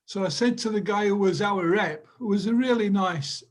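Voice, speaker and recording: A high-pitched older man with a Sheffield accent spins a chatty anecdote over a video call. He laughs at his own jokes as he goes, casual and easy. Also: normal speed, low-quality recording. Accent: Sheffield English. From England. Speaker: group member telling a story.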